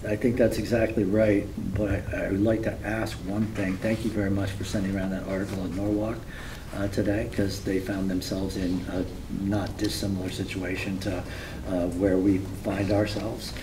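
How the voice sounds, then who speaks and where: Lowish-voiced man, distant and noisy. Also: little pitch movement, normal speed. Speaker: board member. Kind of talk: informal meeting question. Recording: distant mic, rumbling noise.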